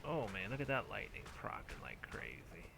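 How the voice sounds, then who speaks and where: Tired gravelly man thinking aloud. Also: deep voice, huge pitch swings, normal speed, background noise. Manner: tired, rambling, thinks aloud with restarts and hums. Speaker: streamer playing an online game. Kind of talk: casual gameplay commentary.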